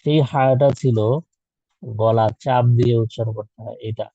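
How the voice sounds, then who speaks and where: A patient male teacher speaks in a very dark, mellow voice, dry and close to the mic. He slowly drags out each letter sound for young learners in an online class, and the audio is a little dull and muffled. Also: mid-range voice, fairly even intonation, creaky, no room sound. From Bangladesh. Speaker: Quran teacher for children.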